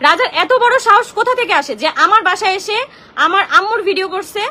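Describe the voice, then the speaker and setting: A woman's voice: extremely high pitch, pushed and bright. A young woman with a Bangladeshi Bengali accent ranting on a live stream, agitated and confrontational, speaking into her phone. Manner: agitated, confrontational, rapid complaining. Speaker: social media livestreamer. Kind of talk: emotional live-stream rant.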